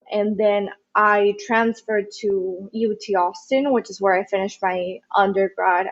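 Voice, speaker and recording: Young woman from Venezuela, podcast guest, relaxed and chatty, slightly dull lo-fi recording. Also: medium pitch. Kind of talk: casual interview chat.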